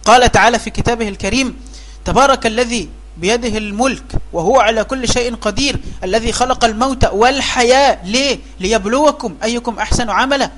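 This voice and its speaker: A man's voice: very high-pitched, fairly quick, a bit bright. A man with an Egyptian accent giving an informal religious talk as a preacher, repeating phrases for emphasis and asking rhetorical questions. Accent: Egyptian Arabic. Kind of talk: colloquial religious talk to blind listeners.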